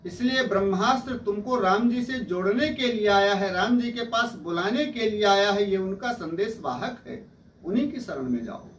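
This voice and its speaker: A male preacher voicing a kindly old sage who calmly counsels a frightened youth in a fatherly way. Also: high voice, moderate pace, slight background noise. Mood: soothing counsel. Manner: soothing, fatherly explaining. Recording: echoey hall, distant mic.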